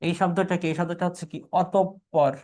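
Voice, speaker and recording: A young man with a Bangladeshi Bengali accent runs a live online exam-review class, his voice a little high for a man, steady in tone and brisk. He keeps quizzing the class, answering his own questions, and calling out students by name.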